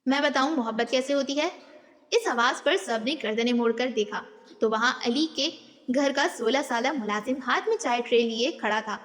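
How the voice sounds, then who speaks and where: A woman's voice: on the high side, normal speed. Woman narrating a novel, reverberant room. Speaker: audiobook narrator.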